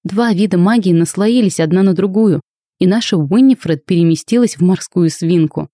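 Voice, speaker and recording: A woman reading the lines of a shrewd male academy rector who lays things out in a measured, reasoning way. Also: lowish voice, warm tone, no room sound, studio quality, natural voice. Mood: explaining.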